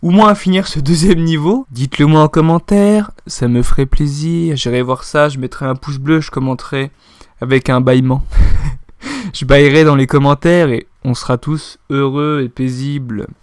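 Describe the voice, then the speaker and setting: A man's voice: on the high side, normal speed, smooth, no echo, studio quality. A man giving let's-play commentary as a YouTuber on a platform game, muttering repeated phrases under his breath and bursting into swearing and yelps when he fails.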